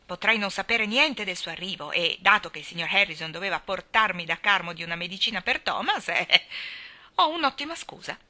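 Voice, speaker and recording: A woman's voice: medium pitch, expressive, a little fast, pushed and bright. A woman playing a nosy, scandalized village gossip. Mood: indignant. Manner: emphatic and scandalized.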